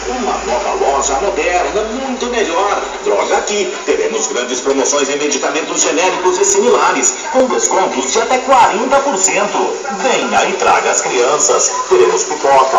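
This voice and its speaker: A man with a Brazilian accent reading a hard-sell promotional ad as an announcer, with an emphatic, exclamatory sales delivery. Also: on the high side. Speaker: advertisement announcer. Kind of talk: hard-sell promotional ad read for a sound car. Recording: very echoey, distant, loud music bed. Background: loud music.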